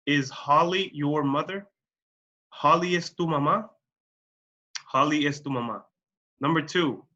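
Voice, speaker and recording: A man teaches a bilingual English lesson at a slow, deliberate pace. He spells out each example sentence carefully, in a slightly high, bright voice. The recording sounds a little dull and lo-fi.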